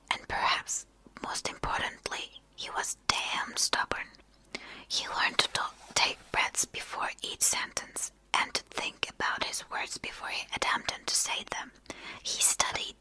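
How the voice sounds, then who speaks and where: Woman, native Turkish speaker, fast ASMR whispering, very bright hissy edge, book reading, occasional stumbles and repeats. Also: poor audio. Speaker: ASMR reader.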